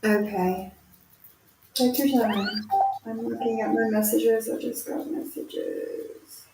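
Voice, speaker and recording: Over music, a woman with a fairly high voice speaks slowly with vocal fry and wide swings in pitch as she casually runs a live online audio chat from her bathroom. Her words echo as if in a cave, and she repeats small words like "yes, yes." She's distant from the mic, with faint noise and a humming generator in the background.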